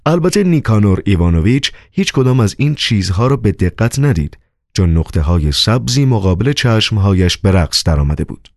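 A man with a low but lively voice narrates a novel expressively, moving his pitch freely from line to line. The recording is dry and close, with no room sound. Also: dry recording. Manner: expressive reading. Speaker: audiobook narrator. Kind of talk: scripted narration.

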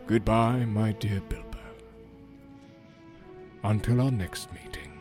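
A man voicing a grave, kindly old male wizard who speaks low and quietly, sometimes in a whisper. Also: very animated, moderate pace, music in the background, lightly acted.

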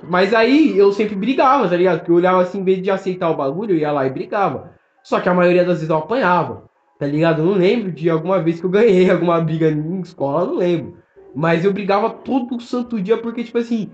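A young man with a Brazilian accent, telling stories in fast, slangy casual podcast chat full of fillers. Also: high-pitched. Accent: Brazilian Portuguese. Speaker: podcast co-host. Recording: roomy, dull lo-fi sound.

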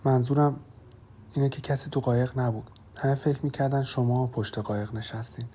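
A man voicing an awkward young man who explains himself haltingly. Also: mid-range voice, fairly even intonation, mellow, a little hiss or hum, close to an everyday voice.

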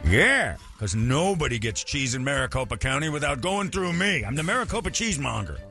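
A man's voice: mid-range voice, sing-song, a little fast, creaky, sharp tone, heavily acted. A man playing a pompous, giggly, self-important boss in comedic radio banter. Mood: smug. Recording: music and crowd noise behind.

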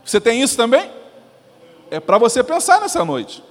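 A man preaching an animated sermon as pastor, acting out voices as he goes. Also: very high voice, normal speed, soft background music. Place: church sanctuary. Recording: long church reverb.

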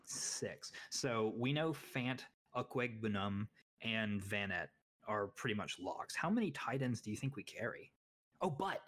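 Young male co-host, lower register, casual and opinionated, self-deprecating. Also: expressive, measured pace, fairly bright tone. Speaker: podcast co-host. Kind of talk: casual sports chat.

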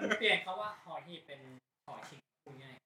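A man in casual chat with friends, animated and teasing, quick to laugh. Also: fairly high pitch, roomy sound.

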